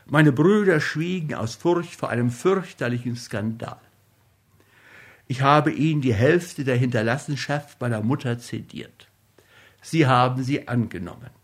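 A man reading a literary story aloud in a measured, solemn manner. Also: medium pitch. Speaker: narrator.

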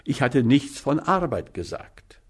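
A man reading a literary story aloud as narrator, in measured, even storytelling. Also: medium pitch, husky. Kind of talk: audiobook narration.

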